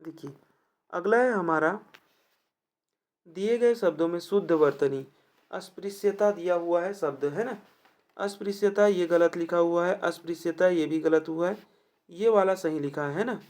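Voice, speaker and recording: A teacher walking students through exam questions, voice sitting at an ordinary middle pitch. The delivery is built around rhetorical check-in questions, and each answer is repeated so it sticks. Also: a little slow, a little mellow. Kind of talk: explaining test questions to students.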